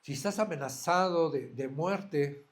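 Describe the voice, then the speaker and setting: A man's voice: on the high side, measured pace. A man preaching a sermon as a pastor, earnest, asking his listeners direct questions.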